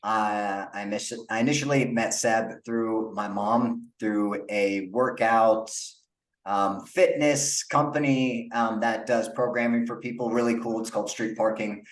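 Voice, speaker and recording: A man's voice: fairly low pitch, unhurried, recorded from a distance. Laid-back man hosting from an echoey room. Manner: relaxed, many fillers. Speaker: podcast host. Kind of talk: casual interview chat.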